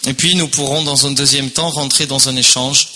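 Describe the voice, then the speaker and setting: A man's voice: medium pitch, fairly even intonation, normal speed, pushed and bright, a little hiss or hum. A man leading a youth camp, welcoming the audience and introducing a guest speaker, with a few hesitant fillers. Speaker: youth camp leader and moderator. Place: large tent at a youth camp.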